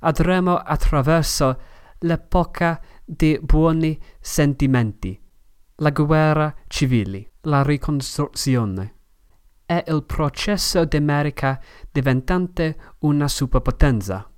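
A male podcast host from England narrates from a script with a clear English accent in his Italian. He goes slowly and haltingly, as a learner does, in a smooth, clean voice. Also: a little high. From Manchester, England. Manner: halting, learner's phrasing and pronunciation.

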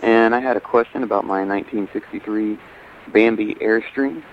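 Caller: man from Louisiana leaving a voicemail, somewhat low voice, hesitant, dull lo-fi line. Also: steady tone, normal speed. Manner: hesitant, many fillers. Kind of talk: casual question. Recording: muffled voicemail line with faint hiss.

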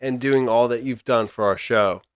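A man's voice: mid-range voice, moderate pace, dry recording. Slangy male podcast host, close dry sound. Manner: slangy, effusive. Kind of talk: casual geek-culture podcast chat.

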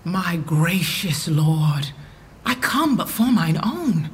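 A man's voice: a little high, very animated, takes it slowly, slight background noise. A man playing an ambitious lord in a Shakespeare radio play, speaking formally and deferentially. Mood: courteous. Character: ambitious male usurper lord, outwardly courteous.

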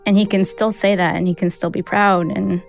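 Speaking at a normal pace with a level tone and some vocal fry, this mid-range female voice carries over faint background music. She's an American from the United States whose first language is Mandarin, casually recounting something from her own life and leaning on "like" and "you know."

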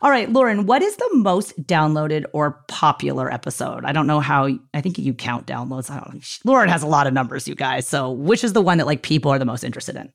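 A woman in her thirties hosting a podcast, talking fast and chatty with frequent laughs. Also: deep voice, lively intonation, gravelly. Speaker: podcast host. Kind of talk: casual podcast chat.

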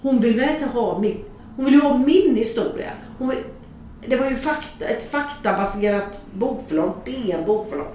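A middle-aged woman telling a story aloud in a frank, lively way, swearing casually and acting out the dialogue. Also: fairly high pitch, a little hiss or hum. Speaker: author telling an anecdote. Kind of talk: spoken storytelling to an audience. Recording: very echoey, from a distance.

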